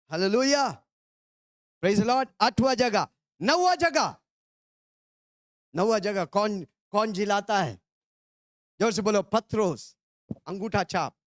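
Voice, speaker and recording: A high-pitched man from India preaching, leading his listeners in call and response. He keeps urging them to shout phrases back and breaks into hallelujahs. The sound is close and dry. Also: no room sound. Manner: urges the congregation to repeat phrases, shouting hallelujahs.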